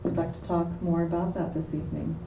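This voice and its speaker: A woman moderating a panel at a bookstore event, speaking in a measured way with some fillers. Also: lowish voice, level tone, gravelly. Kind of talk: panel discussion. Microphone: handheld mic. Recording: roomy, distant, light noise.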